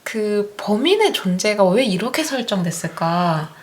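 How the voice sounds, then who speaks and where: A woman in a relaxed podcast conversation who walks through a book's background patiently and keeps affirming the others with short yeses. Her voice sits at an ordinary middle pitch. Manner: explains at length, agrees often with quick yeses. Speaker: literary critic guest. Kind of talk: casual podcast discussion.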